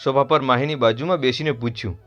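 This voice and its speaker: A man with a Gujarati accent narrating a family story in a steady, earnest scripted read. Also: mid-range voice, fast. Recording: dull lo-fi voice over soft music.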